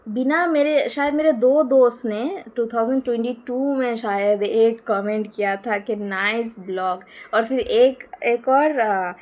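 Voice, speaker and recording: A young Bengali-speaking woman from West Bengal, India, vlogs casually at home on a phone camera. Her fairly high, darkish voice moves at a measured pace with few pauses, though she rambles, giggles between thoughts and fills gaps with "uh" and "um" in chatty lifestyle-vlog fashion.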